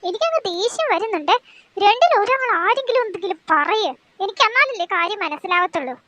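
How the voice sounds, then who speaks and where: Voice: very high voice, animated, brisk, bright, forceful tone, heavily acted. A young woman voicing a worried, exasperated middle-aged mother who nags her husband. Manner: fretful, exasperated, scolding.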